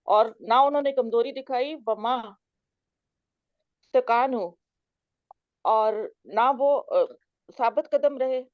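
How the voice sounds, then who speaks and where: A woman's voice: high voice, pauses often, no echo. Woman reading word by word on a call. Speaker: student. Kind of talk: reading verses with word-by-word translation. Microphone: video call. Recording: dry, muffled video call audio.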